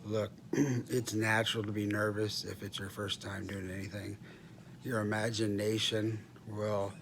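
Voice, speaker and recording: A middle-aged man with a fairly low voice speaks over clear background noise in a room. His delivery is casual, subdued and halting, like a patient recording an informal update, with frequent throat clearing. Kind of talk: casual vlog monologue. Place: hospital room. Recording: clearly noisy room ambience.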